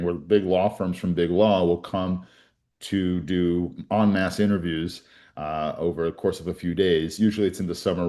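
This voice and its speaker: A low-pitched, dark-toned male voice belongs to a criminal defense attorney in his forties who grew up in Colombia. He tells his story in an interview earnestly and reflectively, with frequent restarts.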